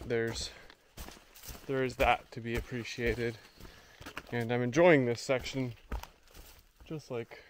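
A man's voice: medium pitch, steady tone, slow, long pauses, a little hiss or hum. A young man talking to a handheld camera outdoors in a forest, in an easygoing, chatty vlog check-in while he hikes. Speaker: thru-hiker vlogger. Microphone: camera at arm's length.

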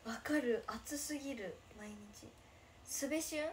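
A woman's voice: a little high, measured pace, slight background noise. A woman in her twenties, speaking with a Nagasaki dialect, chatting casually on a livestream as she reads viewer comments, giggly and bubbly. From Japan, Nagasaki. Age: 20s. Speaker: idol livestreamer.

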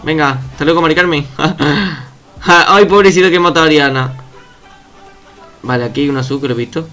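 A young man giving casual, excitable commentary over his own gameplay at home, swearing and shouting at opponents. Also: fairly high pitch, fairly quick, faint music behind. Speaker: gaming youtuber.

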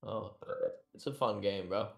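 A man's voice: fairly low pitch, unhurried, creaky, fairly bright tone. A young man streaming games and chatting casually with friends, laid-back and laughing often, using crude slang. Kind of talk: casual gaming chat with friends. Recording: roomy voice chat audio.

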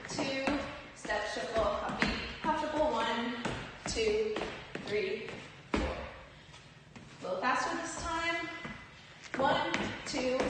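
A woman's voice: a little high, heavy background noise. A young adult woman teaching step dance, calling out steps in short rhythmic counts while demonstrating. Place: large indoor studio room with hard floor. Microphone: phone camera across the room. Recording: echoey room from far off, loud music.

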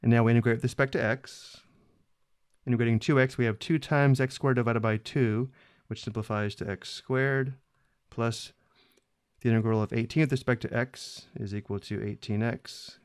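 A man explaining a math problem step by step in a screencast lesson, steady and methodical. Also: medium pitch, normal speed, clean tone, dry recording, clean studio sound. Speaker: math instructor.

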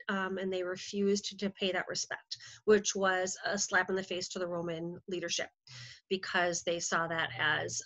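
A woman's voice: medium pitch, a bit bright. A middle-aged woman teacher giving a recorded history lecture over slides, chatty and full of ums and self-corrections. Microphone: computer mic, screen recording. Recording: slightly dull lo-fi sound.

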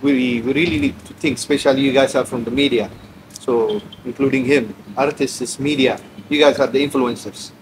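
A man's voice: mid-range voice, steady tone, fairly quick. A middle-aged man from Eritrea, a lounge owner giving earnest, rallying remarks at a press event. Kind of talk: impassioned speech-like remarks. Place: indoor lounge on a sofa. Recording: noisy room recording.

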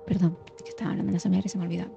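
A woman's voice: on the low side, level tone, racing, gravelly. A young woman from chatting casually and muttering to herself while playing a game as a streamer. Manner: chatty, muttering, drops to mock ASMR hush. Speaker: gaming streamer. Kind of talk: casual gameplay chat. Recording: slightly dull sound, faint music.

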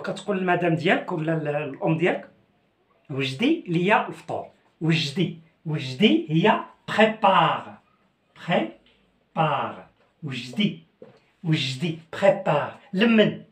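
A man with a Moroccan accent teaching French, slowly repeating phrases and switching between languages. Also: high voice. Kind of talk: language lesson. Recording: echoey room.

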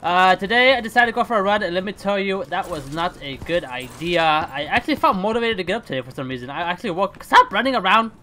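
Excitable young man narrating gameplay. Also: high-pitched, fast, few pauses, a little hiss or hum. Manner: excitable, chatty, swings between hushed focus and loud outbursts. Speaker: gaming channel host. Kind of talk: casual gameplay commentary.

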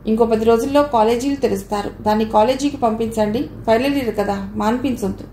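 A woman reading the lines of a polite brother-in-law who speaks in a courteous, gently persuasive way. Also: fairly high pitch, fairly quick, close to an everyday voice. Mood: earnest. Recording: echoey room, faint background noise.

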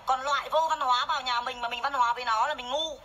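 Swearing constantly and scolding in fury, a woman rants during a makeup livestream on her phone. Her high voice is fast, pushed and bright, with fairly even intonation. The audio is poor, captured by the phone camera with a little hiss or hum.

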